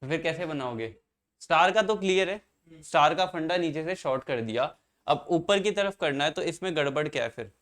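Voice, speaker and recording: A man's voice: on the high side, animated, brisk, a bit bright. A man teaching an engineering class, explaining circuits step by step and quizzing his students as he goes. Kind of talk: classroom lecture.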